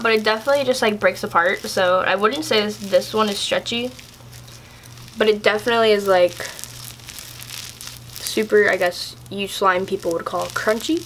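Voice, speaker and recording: A woman's voice: medium pitch, fairly bright tone, a little hiss or hum. A young woman casually reviewing products in a vlog, chatty and exasperated, with lots of filler words. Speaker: YouTuber.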